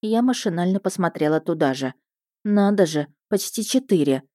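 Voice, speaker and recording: A woman's voice: on the low side, expressive, normal speed, dark tone, dry recording, clean studio sound. A woman reading a first-person detective story aloud in a wry, matter-of-fact way. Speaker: audiobook narrator. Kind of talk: first-person audiobook narration.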